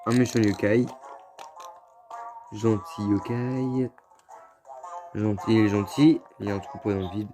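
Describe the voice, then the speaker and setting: A man's voice: on the low side, steady tone, measured pace, long pauses. A man giving casual, slangy gameplay commentary as a let's player, often grumbling in exasperation. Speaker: video game let's player. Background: faint game music.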